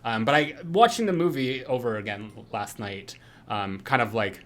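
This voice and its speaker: A man's voice: mid-range voice, moderate pace, a bit bright. A man co-hosting a podcast, talking through a film in casual chat, rambling with lots of fillers and restarts. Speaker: podcast co-host.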